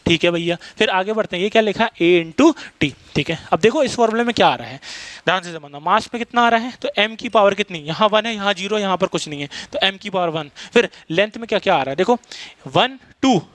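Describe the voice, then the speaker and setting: A man teaches physics at a rapid clip, constantly quizzing his class. His voice sits fairly high for a man. The recording is close and dry. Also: lively intonation, a bit bright, no echo. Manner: fast-talking, quizzes students, mixes Hindi and English terms. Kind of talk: classroom lecture.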